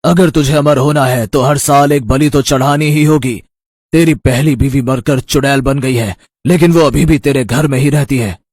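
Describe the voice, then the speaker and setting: A man voicing a sinister old holy man who speaks in a stern, ominous way, with a husky voice. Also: medium pitch, fairly even intonation, normal speed, darkish tone, no room sound, clean studio sound, close to an everyday voice.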